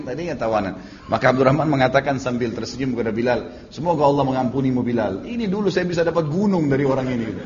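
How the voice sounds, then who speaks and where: A man giving a religious study lecture, telling stories and acting out quotes, with casual tag phrases. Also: medium pitch. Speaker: Islamic preacher. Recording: dull lo-fi lecture recording with faint hiss.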